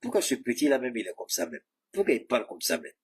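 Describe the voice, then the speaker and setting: A man's voice: mid-range voice, wildly swooping pitch, fast, slightly rough. A man giving a heated, mocking political commentary, speaking straight at his rivals. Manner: mocking, combative, addresses rivals directly.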